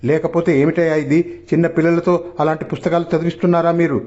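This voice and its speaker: Guy doing a stuffy committee president who's shocked by everything, kinda high voice, muffled audio. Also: little pitch movement, fast talker, darkish tone, natural voice. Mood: indignant. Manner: indignant outbursts.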